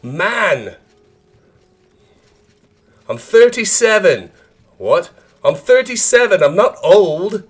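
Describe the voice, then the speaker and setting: A man voicing an indignant young peasant in a high, mock-offended voice, quoting a film scene. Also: sing-song, takes it slowly, pauses often, slightly rough, full character voice.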